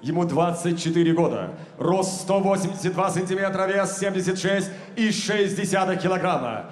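A man working as an arena announcer, introducing fighters with booming, drawn-out calls in an echoing venue. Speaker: ring announcer. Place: large sports arena. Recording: echoey arena PA sound.

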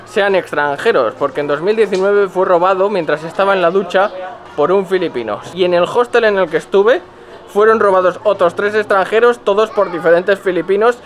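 High-voiced Spanish man vlogging outdoors. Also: brisk. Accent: Spain Spanish. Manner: blunt, joking, swears casually. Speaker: travel vlogger. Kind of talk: casual travel tips to camera. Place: narrow outdoor city alleys. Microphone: handheld camera at arm's length.

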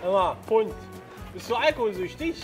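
A man's voice: sits high, lively intonation, normal speed, loud music behind the voice. A young man bantering casually and bluntly outdoors during a food challenge, a little grumbling. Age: young adult. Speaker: challenge participant. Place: snowy garden, outdoors. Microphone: camera a few metres away.

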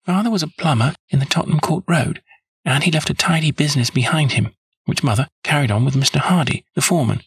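Man putting on a flustered young woman, husky and lifted. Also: on the high side, fast, dry recording, studio quality, pitched above the performer's own voice. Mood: chatty, earnest. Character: nervous, rambling, good-humoured young woman client. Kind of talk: audiobook character voice.

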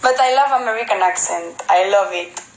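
Holding a phone at arm's length in a room at home, a woman from Spain in her twenties livestreams as a model, reading comments and replying to viewers casually in Spanish and halting English with a Spanish accent. Her mid-range voice is creaky, the room is echoey, and there's a little hiss or hum.

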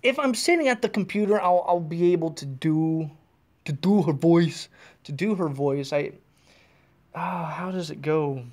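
This solo American podcaster rambles casually as he drives, with plenty of restarts and self-corrections. He speaks at a measured pace in a fairly high, slightly mellow voice.

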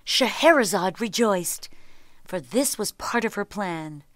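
Expressive woman reading a children's tale. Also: mid-range voice, takes it slowly, no echo, clean studio sound. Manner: expressive storybook telling. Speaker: storyteller. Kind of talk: scripted children's story narration.

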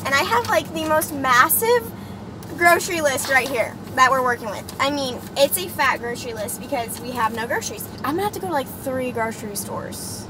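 A bright, high-pitched young woman chats to a handheld camera, bubbly and quick to get excited. The audio is noisy, with passing traffic clearly heard behind her voice. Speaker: vlogger. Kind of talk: casual vlog talk to camera. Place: on the go, in a car and stores.

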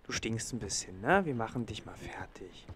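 A man's voice: lowish voice, lively intonation, normal speed, a bit bright, a little hiss or hum. A man giving casual let's play commentary, talking to a game baby in a teasing, playful way and sometimes dropping into a whisper.

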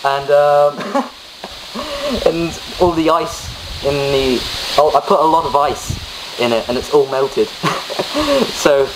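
Young man vlogging, lively swooping voice. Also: on the high side, slow pace. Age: young adult, about late teens. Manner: excitable, giggly. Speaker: video channel host. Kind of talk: casual vlog to camera. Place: outdoor back garden by wooden fence. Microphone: camera mic a step or two away. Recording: noisy outdoor camera recording.

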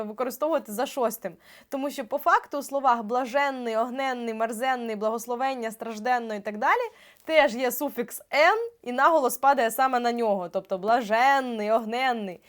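A young woman teacher giving an exam-prep grammar lesson, explaining step by step and drawing out example words slowly. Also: sits high. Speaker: Ukrainian language teacher.

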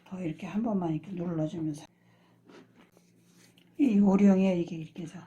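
An older woman, a mother, chatting casually in a home kitchen and giving brisk, matter-of-fact cooking instructions. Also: lowish voice, fairly even intonation, mellow, muffled recording.

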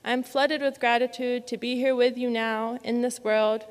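Young woman, acceptance speech, podium microphone, earnest and measured, higher voice, long auditorium reverb. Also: flat delivery, clean tone. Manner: earnest, measured, lyrical delivery. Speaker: award winner giving acceptance speech. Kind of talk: prepared speech read from a podium. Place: large dark auditorium stage. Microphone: podium microphone on a stand.

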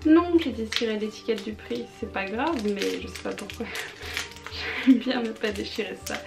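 A woman's voice: mid-range voice, a little slow, creaky, over music. A woman chatting enthusiastically in a casual haul vlog, with lots of fillers and restarts. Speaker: vlogger showing purchases.

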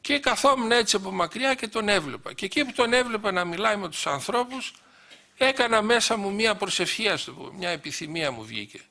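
A man's voice: sits high, expressive, creaky, pushed and bright. A middle-aged man recounting personal memories in an anecdotal storytelling talk, quoting dialogue with frequent "he says" asides. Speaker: guest speaker recounting memories.

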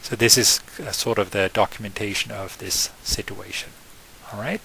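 Gravelly-voiced man explaining software. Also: fairly low pitch, steady tone, normal speed, slight background noise, poor audio. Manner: unscripted, explains step by step with frequent uh fillers and self-corrections. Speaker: software trainer. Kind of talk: screen-recorded software tutorial.

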